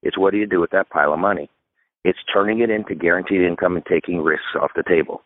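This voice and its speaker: A deep-voiced man in his fifties speaks at a quick pace as a guest retirement expert on a radio interview. He offers emphatic, instructive advice broken into steps. The sound is a dry, tinny phone line with no room sound.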